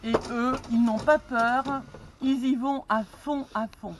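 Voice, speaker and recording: A woman's voice: on the high side, steady tone, slow, noisy background. A woman narrating her own vlog in a casual, chatty way, laughing often as she films inside a camper van on a handheld camera. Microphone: handheld action camera.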